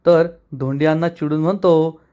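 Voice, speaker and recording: A man with a Marathi accent recaps a TV serial episode scene by scene. His voice sits high, and he reads each character's quoted lines with small shifts in tone. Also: steady tone, normal speed, dark tone, clear, resonant tone, dull audio.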